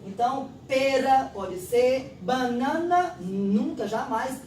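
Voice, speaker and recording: Woman, Brazilian Portuguese accent, teacher, step-by-step explanation, high voice, distant mic. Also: takes it slowly, a little mellow, a little hiss or hum. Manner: explains step by step, acts out classroom exchanges. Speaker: literacy teacher. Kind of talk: instructional explanation. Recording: roomy echo, distant mic.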